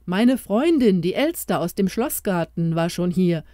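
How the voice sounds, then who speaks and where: A woman's voice: lowish voice, animated, a little slow, warm tone, no echo, clean studio sound. A woman voicing an old king bewitched into a small crowned mouse, who comforts and urges the hero in a storybook tale. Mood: earnest, urging. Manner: comforting, urging.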